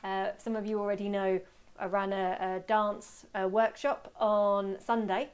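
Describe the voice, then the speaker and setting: A British woman hosting a webinar in a chatty, informal, self-deprecating way, her voice slightly hoarse and giving out. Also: medium pitch, little pitch movement, measured pace. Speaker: webinar host and photography teacher. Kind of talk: casual webinar talk.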